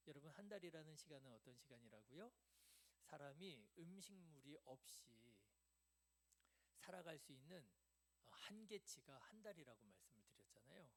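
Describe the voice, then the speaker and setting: A man's voice: a little high, big pitch swings, normal speed. A man preaching a midweek sermon in a church, conversational, asking the congregation questions and answering them himself. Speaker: pastor. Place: church sanctuary.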